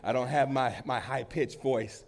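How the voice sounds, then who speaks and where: A man preaching a sermon to his congregation as pastor while he has a cold. He swings between loud emphasis and quiet asides and laughs easily. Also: medium pitch, steady tone, measured pace, vocal fry. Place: church in front of a congregation.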